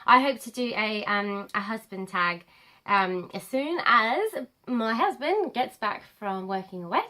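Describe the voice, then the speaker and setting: A woman in her late twenties talking casually to camera, her voice a little nasal and stuffy from a recent cold and pitched somewhat high. She rambles with frequent ums and trailing pauses. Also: animated, bright, forceful tone. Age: late 20s. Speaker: vlogger.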